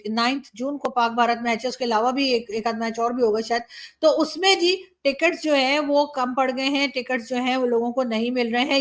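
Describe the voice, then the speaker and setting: Pakistani woman, news commentator, high-ish voice, chatty and opinionated, lots of fillers. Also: fairly bright tone. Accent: Pakistani Urdu. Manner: opinionated, conversational, with frequent fillers. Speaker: journalist and commentator. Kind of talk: casual news commentary monologue.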